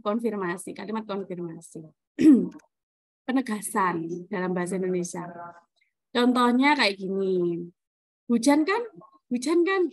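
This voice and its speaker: Woman, English teacher on video call, chatty, slightly high-pitched, dry sound. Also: no echo. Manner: chatty, laughs often, asks and answers own questions. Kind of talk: online class explaining grammar.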